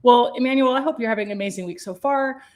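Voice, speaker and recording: A woman, a chef, hosting a food podcast and chatting with her guest in a lively, enthusiastic way. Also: fairly high pitch, quick pace. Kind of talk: casual interview chat.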